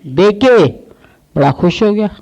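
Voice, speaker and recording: Slow-spoken woman giving a spiritual talk. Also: medium pitch, animated, mellow, muffled recording. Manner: storytelling, acting out dialogue. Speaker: spiritual teacher. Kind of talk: devotional sermon with parable.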